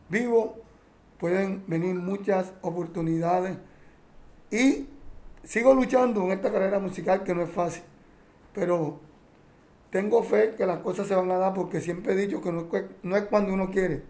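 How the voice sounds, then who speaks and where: A man's voice: sits high, warm tone. A man, a champeta singer answering interview questions in an earnest, heartfelt way and often correcting himself.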